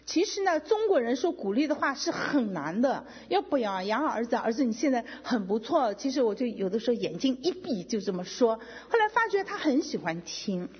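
Animated woman sharing a testimony. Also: fairly high pitch, normal speed, few pauses, slight background noise. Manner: emotional, animated storytelling with quoted dialogue. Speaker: testimony speaker. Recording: dull lo-fi sound with long hall reverb.

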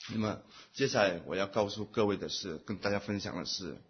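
A man giving a personal testimony at a church meeting, speaking in short phrases and pausing for an interpreter. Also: fairly low pitch, slight background noise. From Taiwan. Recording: muffled lo-fi recording.

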